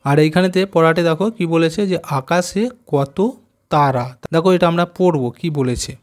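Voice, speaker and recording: A man gives a textbook lesson for young children, his voice sitting a little high. He spells out letters patiently and keeps checking that the class follows. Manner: slow, spelling out letters and asking "got it?". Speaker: primary school teacher. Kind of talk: textbook lesson explaining Bengali conjunct letters.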